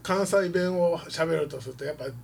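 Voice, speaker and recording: A man's voice: on the high side, fairly quick, creaky, slight background noise. A man as a guest, speaking standard Japanese with a self-mocking manner in casual banter.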